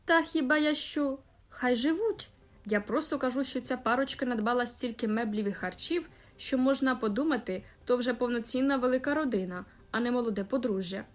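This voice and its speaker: Woman voicing a grumbling young man, complaining, exaggerating, storybook, fairly high voice. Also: a little fast, lightly acted.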